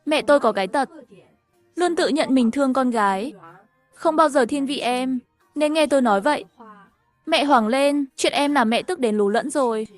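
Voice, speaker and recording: A woman narrating a first-person story over animation, voicing every character herself in an even storytelling manner. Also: sits high, moderate pace, soft background music.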